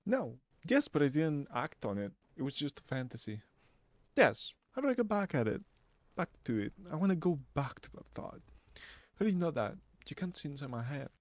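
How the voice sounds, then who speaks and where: A man's voice: on the high side, sing-song, moderate pace, no echo. A man voicing a weary detective who questions kids in a dry, exasperated way. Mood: defensive.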